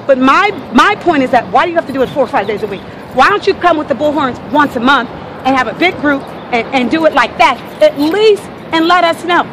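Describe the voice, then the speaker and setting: A woman who lives in the area, an American, takes on a protester by a busy city street, negotiating and arguing insistently while often repeating herself and interrupting. Her voice sits high, animated, and a little fast. It was recorded on a handheld phone camera, and the street is noisy.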